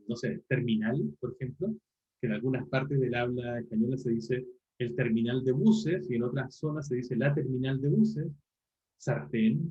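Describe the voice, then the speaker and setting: A man's voice: medium pitch, darkish tone, roomy sound, muffled recording. A man, teaching an online class and explaining step by step, often repeating words as he thinks. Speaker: university language teacher.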